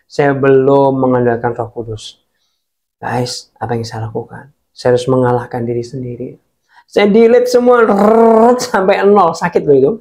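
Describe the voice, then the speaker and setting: A man preaching a casual sermon, telling a story in an animated way and talking straight to his viewers. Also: medium pitch.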